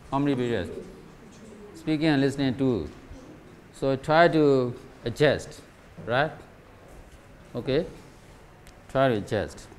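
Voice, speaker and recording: Slow-spoken man lecturing teachers. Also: medium pitch. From Myanmar. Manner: rhetorical questions, repeats "right?" and "okay?". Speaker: teacher trainer. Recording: faint background noise.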